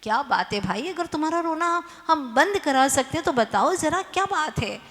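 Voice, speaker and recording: A woman's voice: high voice, expressive, moderate pace, fairly bright tone. A woman voicing a curious neighbor man who keeps coaxing a crying man to explain himself. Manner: coaxing questions. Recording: long hall reverb.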